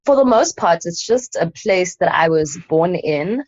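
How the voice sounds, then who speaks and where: Low-voiced woman. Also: expressive, unhurried, no room sound. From South Africa. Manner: reflective storyteller, thinking aloud with soft fillers. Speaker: guest, anthropologist and poet. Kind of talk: casual interview conversation. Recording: dull, lo-fi and dry.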